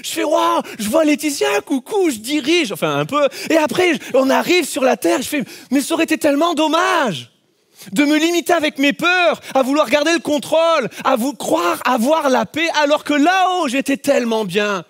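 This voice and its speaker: A man preaching a sermon as pastor, telling a personal story with lively shouts and playful asides. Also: very high-pitched, moderate pace. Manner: animated storytelling, acts out scenes with shouts.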